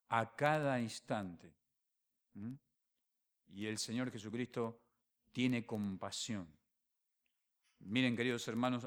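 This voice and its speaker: A man with a Rioplatense Spanish accent preaching a sermon as pastor, animated, dropping to quiet phrases and then rising to loud emphatic ones. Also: mid-range voice. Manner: animated preaching, acts out voices and dialogues.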